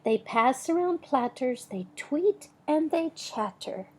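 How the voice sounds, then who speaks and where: An older woman with a grandmotherly, gentle manner, reading a storybook aloud and chatting to young listeners. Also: sits high, animated, takes it slowly, slightly rough.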